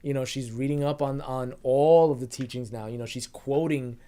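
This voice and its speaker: A man's voice: mid-range voice, normal speed, smooth. A man co-hosting a casual TV review chat, talking animatedly and often acting out characters. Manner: animated, laughing, acts out characters. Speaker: podcast co-host.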